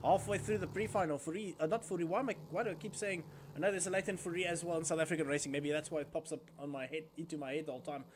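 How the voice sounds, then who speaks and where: A man's voice: fairly high pitch, steady tone, rapid-fire, few pauses, a little hiss or hum. A man giving live kart racing commentary as a motorsport commentator, following the action as it unfolds.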